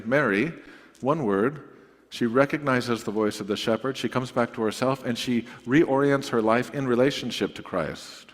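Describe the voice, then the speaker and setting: A man preaching a sermon as pastor in a relaxed, conversational way, drifting into playful asides. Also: mid-range voice. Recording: long hall reverb.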